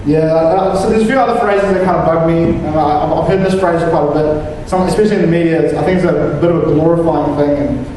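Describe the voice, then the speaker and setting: High-voiced young man doing stand-up, echoey hall. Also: fast talker, few pauses, mellow, slight background noise. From New Zealand. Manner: rambling, hesitant, with many restarts and "like". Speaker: stand-up comedian. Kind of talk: stand-up comedy set. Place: comedy venue stage. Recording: echoey hall, mic picked up from a distance.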